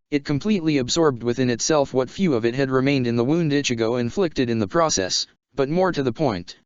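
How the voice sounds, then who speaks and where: A man reading a fan fiction story aloud in a steady, even way. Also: medium pitch, clear, resonant tone, no echo. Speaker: narrator. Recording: dull lo-fi sound.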